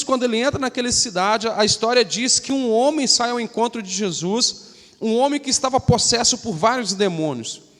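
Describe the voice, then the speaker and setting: A man's voice: high voice, fairly bright tone. A man from Minas Gerais preaching a casual sermon, leading the service and often tagging his sentences with a questioning "né". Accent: Minas Gerais Portuguese. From Brazil. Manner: conversational, tags sentences with a questioning "né". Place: church hall. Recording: reverberant church hall from a livestream.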